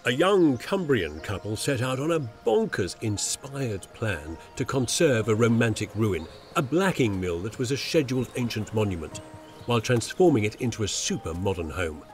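An older man narrates a documentary with a wry, enthusiastic delivery. His pitch rises and falls in a lively way. Music plays clearly behind him. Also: moderate pace. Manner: wry, enthusiastic, theatrical exclamations. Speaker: TV presenter. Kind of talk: documentary narration and on-site interviews. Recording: music bed under narration.

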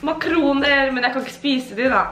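A young woman vlogging her birthday morning at home, talking casually and getting excited and teary. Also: high-pitched, over music. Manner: excited, swearing, tearful exclamations. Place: apartment indoors.

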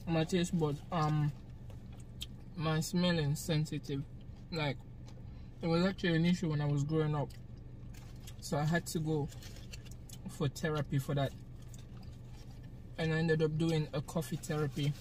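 A woman's voice: sits low, darkish tone. A young Jamaican woman talks casually while eating, recorded on a phone in a parked car at night. She is chatty and laughs often between her points. A faint hiss runs under her voice. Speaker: vlogger. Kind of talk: casual eating-show chat.

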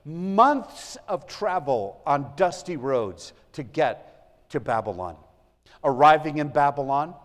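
Male pastor, slightly higher voice, earnest sermon delivery with big volume swings, church hall reverb. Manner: earnest, swells and drops in volume for emphasis. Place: church sanctuary.

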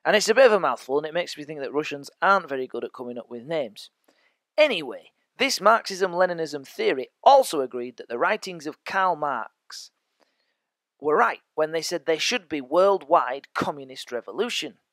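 Guy with a high voice doing a casual history podcast lesson, jokey asides, dry close sound. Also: expressive, normal speed, fairly bright tone, dry recording. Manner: chatty, jokey asides to listeners. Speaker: teacher. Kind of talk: educational podcast lecture.

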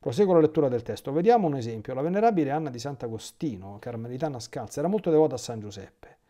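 An Italian man, a priest, giving a catechesis talk. He reads from a text and keeps breaking off into lively spontaneous asides. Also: medium pitch, very fast.

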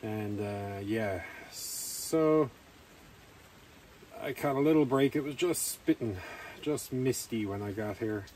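A man's voice: lowish voice, slow pace, darkish tone, rough recording. Easygoing man vlogging outdoors. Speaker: camping vlogger. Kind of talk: casual narration to camera. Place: outdoors at a rainy campsite. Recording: faint outdoor ambient noise.

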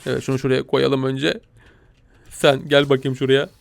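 A young man commentating a game he plays, panicking, shouting and laughing in mock fear. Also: medium pitch, little pitch movement, moderate pace, creaky. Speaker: gaming YouTuber. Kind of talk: excitable gameplay commentary.

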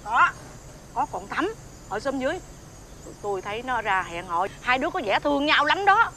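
A woman's voice: high voice, very animated, fairly quick, bright, forceful tone, a little hiss or hum, exaggerated voice. An actress playing a gossipy village neighbor woman in a TV fairy-tale drama, with a chatty, coaxing manner.

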